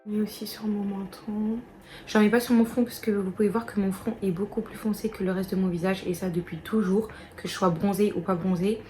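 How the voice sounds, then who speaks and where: A woman's voice: medium pitch, steady tone, brisk, a little mellow, faint music behind. A young woman walking viewers through a casual makeup tutorial, chatty and talking straight to them. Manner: chatty, addresses viewers directly. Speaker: beauty vlogger.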